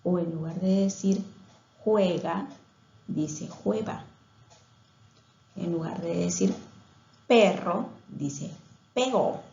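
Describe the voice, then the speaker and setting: A woman's voice: fairly low pitch, steady tone, takes it slowly, creaky, dark tone, roomy sound, dull audio. A woman giving a recorded lecture on speech therapy, explaining things step by step with some hesitations and restarts.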